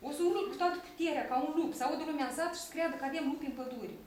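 A woman's voice: high-pitched, darkish tone, slight background noise, lightly acted. Ion, a young shepherd full of eager schemes, pleads and plots in a wheedling tone, as a woman reads him from her script. She sounds distant, in a strongly echoing room.

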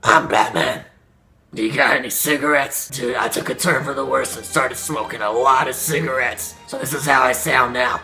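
A man voicing a chain-smoking Batman in a strained, gravelly voice over game music. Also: mid-range voice, normal speed, pushed and bright. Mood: cranky.

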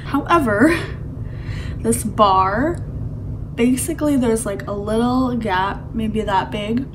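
A woman's voice: fairly high pitch, slow pace, noisy background. A woman vlogger with a slight lisp, chatting candidly in a casual video diary. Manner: candid, chatty, many hedging fillers.

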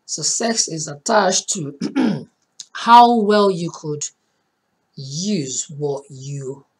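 A woman in her thirties speaks as host in a low, husky voice. She talks in an earnest, encouraging way and tends to repeat her points for emphasis. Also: very slow. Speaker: host, art teacher. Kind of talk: casual talk to camera.

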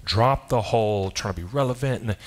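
Lower-voiced man preaching a sermon. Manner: animated, conversational preaching with asides and quick restarts. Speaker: pastor. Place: church sanctuary.

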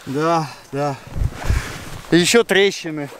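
A man's voice: fairly high pitch, slow pace, fairly bright tone. A man casually explaining things on an outdoor vlog in snowy mountains, hot and sweaty from the work. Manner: chatty, explaining hands-on. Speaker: snowmobile vlogger and instructor. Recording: outdoor wind and engine noise.

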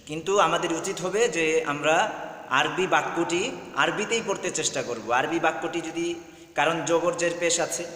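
A man giving an earnest religious lesson, explaining slowly and repeating words for emphasis. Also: a little high, fairly bright tone. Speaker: Islamic teacher. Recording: echoey room with long reverb.

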